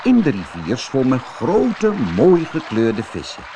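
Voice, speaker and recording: A man narrating a children's fairy tale audiobook in a slow, expressive storytelling manner. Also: medium pitch, background noise.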